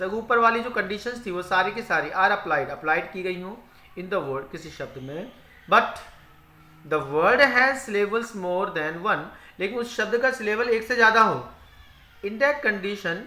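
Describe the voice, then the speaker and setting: In an echoey room, a male English teacher with a high-pitched, sharp voice gives a spoken grammar lesson on spelling rules. He repeats each rule in Hindi and asks questions that he then answers himself.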